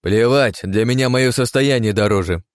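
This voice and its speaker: A man's voice: low voice, lively intonation, normal speed, darkish tone, dry recording, clean studio sound. A man voicing a cold, contemptuous, greedy nobleman.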